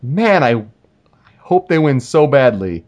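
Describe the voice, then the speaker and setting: A man co-hosting a casual sports talk show, making relaxed, talkative predictions about college football. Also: medium pitch, slow. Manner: relaxed, talkative, spells out names. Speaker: sports podcast co-host.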